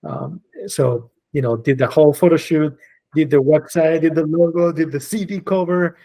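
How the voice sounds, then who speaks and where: A fairly high-pitched but dark-toned voice, steady and at normal speed, belongs to a man in his forties from Spain whose native language is Spanish. As a podcast guest, this designer and creative director talks casually and reflectively about his path, with many fillers and restarts along the way.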